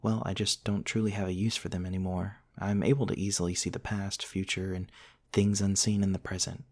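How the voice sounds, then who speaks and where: A man with a low voice plays a gentle, courtly vampire prince of many centuries in an intimate, soft ASMR roleplay, hesitant and tender with antique politeness. He speaks briskly with little pitch movement, in a modest, lightly amused mood.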